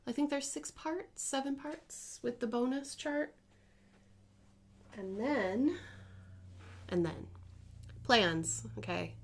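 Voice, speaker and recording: A woman in her thirties chats casually at home about her cross-stitch projects for a crafting vlog, rambling and making small self-corrections. Her voice is fairly high, her pace slow, with long pauses.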